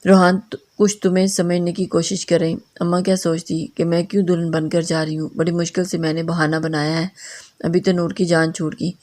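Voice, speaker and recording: A woman reading the lines of an exhausted young bride who pleads gently with her husband, in a storybook reading. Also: lowish voice, level tone, natural voice. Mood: tired. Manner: pleading, tired.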